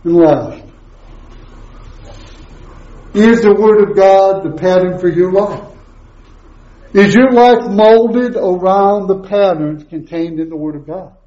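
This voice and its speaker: Guy preaching thru a face mask, high voice, kinda mellow, repeats questions for emphasis, echoey room. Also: slow pace, long pauses. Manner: speaks through a face mask; emphatic, repetitive rhetorical questions and answers. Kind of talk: sermon. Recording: roomy echo, slightly muffled sound.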